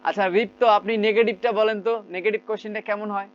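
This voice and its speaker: A man's voice: sits high, steady tone, quick pace. A man from Bangladesh teaching a spoken English class online, correcting students and having them repeat sentences. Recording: slightly muffled, faint background noise.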